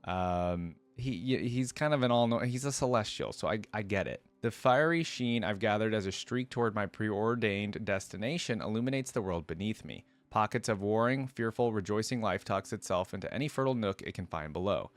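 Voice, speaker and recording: Reading game lore aloud, a reaction creator with a fairly low voice talks quickly and animatedly, barely pausing. Every so often he stops to pick the text apart, paraphrasing and dissecting it in a casual aside.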